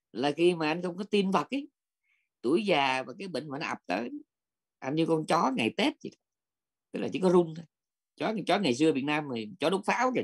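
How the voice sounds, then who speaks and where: Gravelly-voiced monk giving a blunt sermon. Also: male voice, on the high side. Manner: blunt, scolding, asks "không?" for agreement. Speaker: Buddhist monk teacher. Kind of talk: dharma talk.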